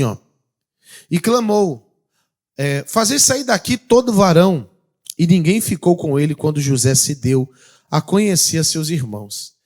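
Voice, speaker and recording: A Brazilian Portuguese-accented pastor with a voice on the high side preaches a sermon. He puts questions to the congregation and swings between loud calls and quiet passages.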